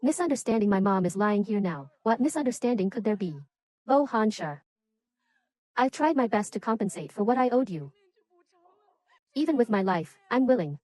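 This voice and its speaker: A woman's voice: medium pitch, expressive, moderate pace, pauses often, darkish tone, no room sound, close to an everyday voice. A woman in an English drama dub playing a desperate young daughter who pleads and accuses through her grief. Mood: accusing.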